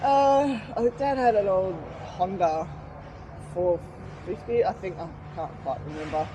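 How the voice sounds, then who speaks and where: A woman in her forties with an Australian accent, chatting casually about riding, slangy and quick to laugh. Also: mid-range voice, warm tone, muffled recording, slight background noise. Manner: laid-back, slangy, laughs often. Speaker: podcast guest, motorcycle rider. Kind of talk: casual chat.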